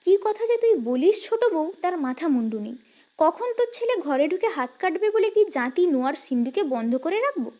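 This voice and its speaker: A woman voicing a stern, quick-tempered older woman who runs the household and scolds loudly. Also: extremely high pitch, animated. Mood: angry, scolding. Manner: scolding, loud and sharp.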